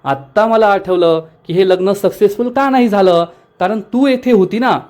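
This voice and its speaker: A man's voice: high voice, moderate pace, a little mellow, natural voice. A man reading the lines of a furious, domineering woman boss who scolds and taunts. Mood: angry scolding.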